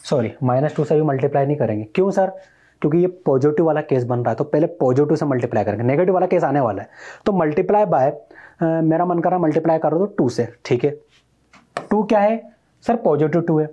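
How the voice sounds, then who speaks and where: A man's voice: a little high, expressive, brisk, mellow, dull audio. A male math teacher giving a recorded online lesson, explaining step by step and quizzing his students as he goes.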